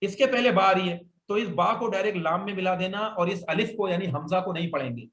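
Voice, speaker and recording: This is a classroom Arabic grammar lesson led by a man with a high-pitched, fairly bright voice who talks quickly. He lays out the rules patiently and gets students to echo words back. The room is echoey with faint noise.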